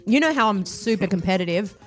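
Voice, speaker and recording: A woman's voice: mid-range voice, lively intonation, fairly quick. Middle-aged woman co-host, chatty storyteller who laughs a lot, faint music underneath. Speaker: radio co-host. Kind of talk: casual on-air banter.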